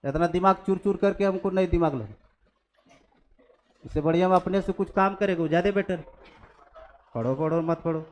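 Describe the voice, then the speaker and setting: A man's voice: high voice, normal speed, pauses often. A man, teaching maths in a classroom. He scolds his students bluntly, then talks through calculus steps with English maths terms mixed in. He sounds stern and plain-spoken.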